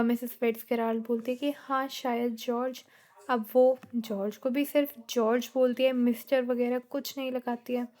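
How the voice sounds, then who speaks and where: A woman teaches a class by walking through a play line by line. She quotes each character's lines in a plain, steady way rather than acting them out. Her voice sits fairly high.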